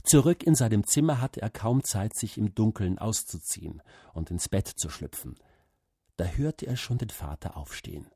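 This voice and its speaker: A man reading a story aloud, slow and expressive. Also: on the low side, vocal fry, slightly rough, no echo, clean studio sound. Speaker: narrator.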